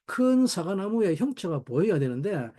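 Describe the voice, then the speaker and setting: A man's voice: sits high, normal speed. A middle-aged man teaching a Bible study in sermon style, asking rhetorical questions and voicing quoted people. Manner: animated, rhetorical questions, voices his wife in quotes.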